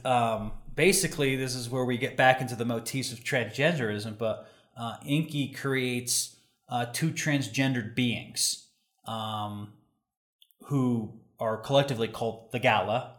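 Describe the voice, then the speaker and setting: Man, mid-pitched voice, casual myth retelling, lots of fillers and restarts. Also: steady tone, normal speed, a bit bright. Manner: loose storytelling with fillers and restarts.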